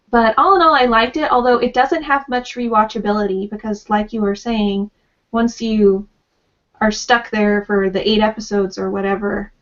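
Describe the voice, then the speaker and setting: Chatty woman on a lo-fi call. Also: mid-range voice. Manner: chatty, thoughtful opinions. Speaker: panelist. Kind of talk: casual online group discussion. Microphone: video call. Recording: dull lo-fi voice-call audio.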